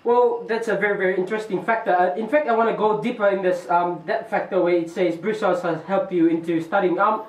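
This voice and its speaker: High-voiced teen boy hosting, echoey. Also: fairly even intonation, a little fast, few pauses. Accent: New Zealand. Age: teens. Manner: formal, stock interviewer phrases. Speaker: student host of a school boarding-house show. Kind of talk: amateur interview show. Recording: echoey room, mic far off.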